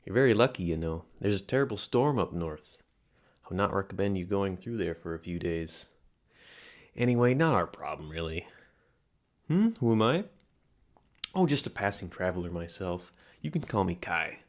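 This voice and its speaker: A man takes on the role of a low-voiced, flirtatious fortune teller reading palms in a scripted, intimate audio roleplay aimed at the listener. Animated and moderately paced, he sounds playful and welcoming, theatrical and wheedling, sometimes sinking into soft murmurs.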